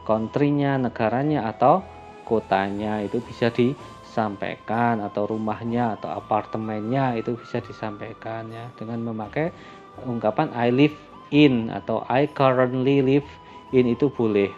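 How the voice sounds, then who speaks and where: A man teaching a class, calmly explaining English greetings and introductions and slowing down for the example phrases. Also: medium pitch. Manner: calm and explanatory, switching into slow, lifted voice for English example phrases. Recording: lo-fi recording with faint music.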